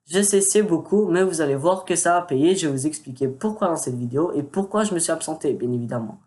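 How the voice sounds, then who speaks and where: A man's voice: a little high, expressive, fast talker, a little mellow. A man chats into a desktop microphone at home, announcing plans for his gaming channel. He hesitates often, fills gaps with little sounds and pokes fun at himself. The delivery is casual and unrehearsed. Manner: hesitant, many fillers, self-mocking asides. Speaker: gaming YouTuber. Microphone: desktop USB microphone with pop filter.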